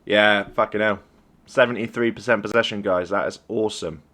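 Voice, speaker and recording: A man's voice: lowish voice, steady tone, a little fast, fairly bright tone. A young man coaching a team while reviewing a game replay, encouraging and conversational. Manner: encouraging, conversational, praises plays. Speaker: esports coach.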